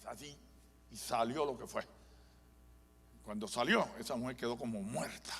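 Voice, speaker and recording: A male pastor delivers a live sermon in a church sanctuary, telling a dramatic story that builds into fervent preaching. His mid-range voice is fairly bright and husky, moving at a normal speed. The recording carries the long reverb of a church hall.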